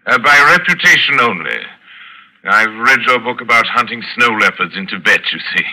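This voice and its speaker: An actor playing a suave, sinister aristocratic general, speaking with silky, elaborate courtesy in old radio suspense style. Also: male voice, medium pitch, animated, normal speed, bright, forceful tone, exaggerated voice. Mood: courteous, suave. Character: suave, sinister aristocratic foreign general and big-game hunter. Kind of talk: 1940s radio suspense acting. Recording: noisy old radio drama recording.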